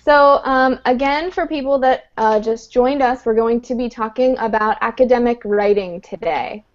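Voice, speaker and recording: In a live online class, a woman with a voice on the high side teaches English at a moderate pace. She goes step by step with patience, frequently saying "um," and the audio sounds dull, like a lo-fi call.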